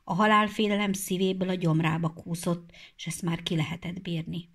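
A woman reads a children's story aloud in a measured, expressive way. Her voice sits on the low side for a woman. The delivery is careful storybook narration. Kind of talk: storybook reading.

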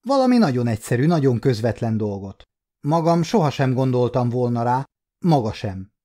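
A man's voice: mid-range voice, very animated, mellow. A man playing a grave alien chief supervisor. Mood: troubled.

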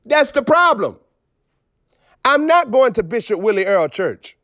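A man preaching with emphatic swings between low intensity and raised outbursts. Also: very animated, unhurried, pushed and bright, no echo, studio quality. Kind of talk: preaching on a phone broadcast.

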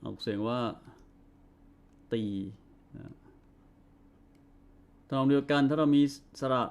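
A man giving a language lesson in a patient, measured voice. He says each sound slowly and then repeats it so learners can follow. His pitch sits in an ordinary middle range. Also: darkish tone, clean tone, dull audio. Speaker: Arabic teacher.

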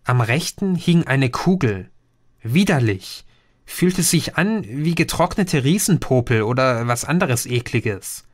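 A man reading a first-person audiobook in measured scripted narration. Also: medium pitch, lively intonation, dry recording, studio quality. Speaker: audiobook reader.

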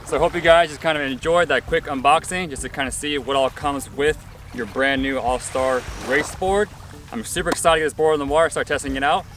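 A man casually unboxing gear for a vlog, relaxed and upbeat, recorded on a camera mic at a distance. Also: a little high, a little fast, soft background music. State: briefly out of breath after pumping. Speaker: paddleboard vlogger. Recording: distant mic with background noise.

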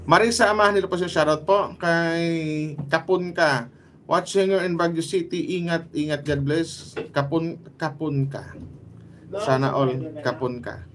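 A man with a Filipino accent chatting casually on a livestream, calling out viewers by name and tossing in quick asides. His voice sits a little high for a man, with a faint hum of room ambience behind him. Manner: lively, greets commenters by name, quick asides. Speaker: livestream host. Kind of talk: casual livestream chat reading viewer shoutouts.

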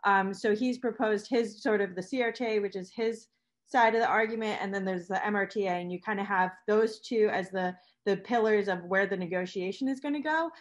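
A woman advocate on a video call panel, explaining the process slowly with many fillers. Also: mid-range voice.

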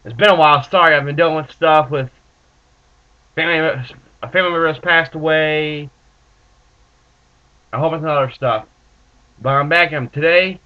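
Talking to his webcam from a small, book-lined room, a twenty-something vlogger reviews dip tobacco with his nose blocked by allergies. He's a little high, rambling and halting in a relaxed way, with muffled lo-fi sound from the built-in mic.

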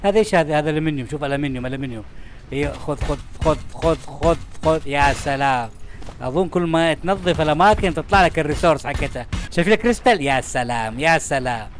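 Fast-talking man narrating a game. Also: fairly high pitch. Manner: chatty and excitable, talking to the game and its items. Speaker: gaming channel host. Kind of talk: let's-play commentary.

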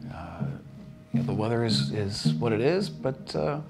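Hesitant small-town barber, music behind. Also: male voice, fairly low pitch, expressive, normal speed, vocal fry. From Pennsylvania, USA. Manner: hesitant, many fillers and restarts. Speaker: barbershop owner. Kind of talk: documentary interview. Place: small wood-panelled barbershop. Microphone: seated, medium camera framing.

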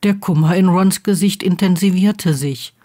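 A woman reading a fan story aloud in a steady, even storytelling voice. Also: on the low side, normal speed. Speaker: fan fiction reader. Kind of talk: storybook narration.

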